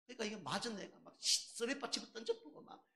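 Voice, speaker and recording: A man's voice: very high-pitched, expressive, fast talker, sharp tone. A male pastor preaching a sermon in a conversational way, asking his congregation rhetorical questions. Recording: echoey church sanctuary.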